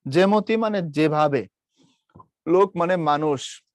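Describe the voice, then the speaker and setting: A man's voice: a little high, slow pace, no echo, studio quality. A young man teaching an online class, repeating key points and asking students questions. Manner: explains patiently with questions to students, mixes English words. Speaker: online tutor.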